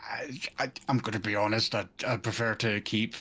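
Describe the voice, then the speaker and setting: A man's voice: fairly low pitch, fairly even intonation, brisk, a bit bright, breathy edge. A man streaming a video game with casual, sardonic, sweary commentary.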